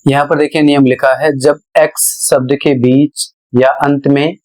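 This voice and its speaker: A man's voice: medium pitch, flat delivery, a little slow, darkish tone, poor audio. A man giving a pronunciation lesson, spelling out words letter by letter and explaining each one. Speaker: English teacher.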